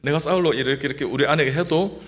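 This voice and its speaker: A man's voice: fairly high pitch, racing. A middle-aged man, a doctor, giving a humorous testimony in church and leading the congregation in repeating phrases. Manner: lively, joking, leads the congregation in repeating phrases.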